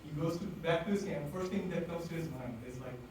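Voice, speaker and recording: At a design event, a man with an Indian accent and a slightly high voice tells personal stories to the audience at a quick pace. He's candid and conversational, using lots of fillers, and the distant mic picks up an echoey room and ambient noise.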